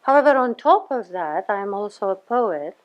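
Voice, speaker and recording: A Romanian theater scholar, whose first language is Romanian, presents a conference paper carefully and formally, hesitating often. Her voice is medium-pitched with big pitch swings at normal speed, and the highs are cut off.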